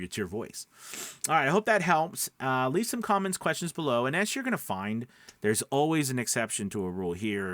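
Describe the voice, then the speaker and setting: On a dry recording, a man with a rather low voice gives casual advice to camera as a voice-over coach and channel host. He talks conversationally and with emphasis, often tossing out rhetorical questions to make sure his viewers are following.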